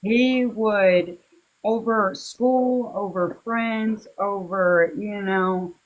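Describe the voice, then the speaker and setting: A woman speaking as an interview guest, recalling personal matters in a halting, heartfelt, casual way. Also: mid-range voice, poor audio. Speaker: interview guest, victim's relative.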